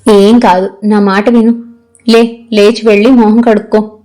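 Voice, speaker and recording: A woman narrator voicing a caring middle-aged mother who speaks softly and comfortingly. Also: mid-range voice, level tone, measured pace, close to an everyday voice. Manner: soft and comforting.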